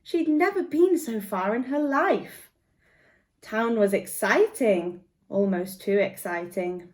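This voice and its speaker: Slowly and expressively, a woman reading as a guest tells a picture-book story to a group of young children. Her voice falls in the middle range.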